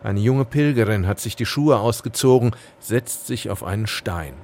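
A man's voice: on the low side, animated, normal speed, a little mellow, slight background noise. Man narrating a documentary. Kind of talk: scripted narration.

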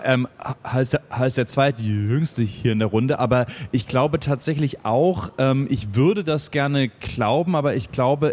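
A man on a panel discussion, speaking hesitantly with many pauses and fillers as he thinks aloud. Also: mid-range voice, darkish tone. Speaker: podcast guest.

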